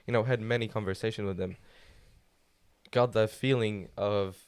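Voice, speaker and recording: A man's voice: fairly low pitch, steady tone, moderate pace, a little mellow, clean tone. A teenage man from Poland with a Polish accent, a guest speaking in casual podcast chat who searches for words with many fillers. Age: teens. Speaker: guest, student youth leader.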